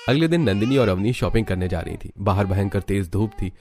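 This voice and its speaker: Reading a scripted Hindi cartoon tale, the narrator uses a low-pitched voice at a fairly quick pace. He keeps his tone measured and even, clearly in storytelling mode.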